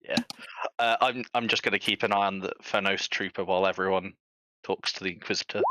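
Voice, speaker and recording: Bright-voiced man at a game table. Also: sits low, steady tone, brisk, no room sound, low-quality recording. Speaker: player. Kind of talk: casual tabletop play.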